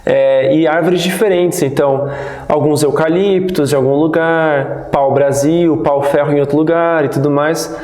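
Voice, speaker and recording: A man in his thirties, born in the United States, recalling his childhood as a guest in a relaxed, rambling interview. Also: a little high, measured pace. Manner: relaxed, rambling, many restarts. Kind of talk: casual interview storytelling. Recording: roomy echo.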